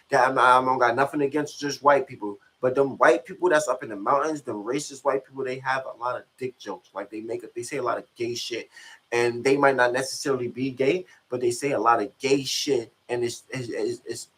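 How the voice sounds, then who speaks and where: Young New rapper telling a story. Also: male voice, mid-range voice, a bit bright, low-quality recording. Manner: slangy, profane, keeps asking if you follow. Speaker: rapper and channel host. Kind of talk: casual storytelling.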